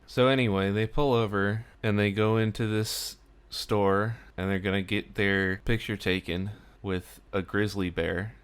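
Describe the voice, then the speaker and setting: Smooth low-voiced man, chatty recap. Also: steady tone, measured pace. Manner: chatty and wry, with frequent "like" fillers. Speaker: vlogger recapping a sitcom. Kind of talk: casual spoken recap.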